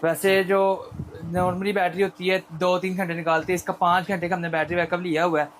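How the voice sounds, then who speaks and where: A male shop seller with a Pakistani accent giving an unscripted, persuasive sales pitch in repetitive patter. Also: little pitch movement, brisk, fairly bright tone, slight background noise.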